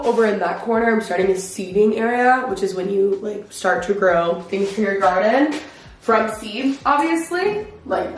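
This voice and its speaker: A woman's voice: medium pitch, echoey room. A young woman chatting casually to the camera for her vlog, full of fillers and self-mocking asides, recorded in her home garage. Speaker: vlogger.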